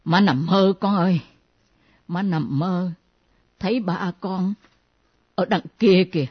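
A woman voicing an aging widowed mother who speaks slowly and complains, haunted by dreams of her late husband. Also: steady tone, breathy edge. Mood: dazed. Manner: slow, low, complaining. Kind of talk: radio drama acting. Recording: dull lo-fi recording.

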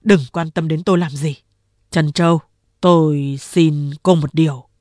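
A woman's voice: low voice, fairly even intonation, unhurried, a little mellow, no room sound, studio quality, voice pushed down. A woman doing a big weeping male boss. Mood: despairing. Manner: sobbing, self-pitying pleas.

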